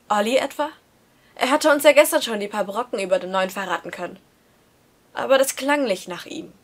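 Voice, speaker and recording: A woman with a somewhat high voice reads a first-person story aloud. Her narration is lively and emotional, and she voices the narrator's thoughts as she goes. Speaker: reader of a story.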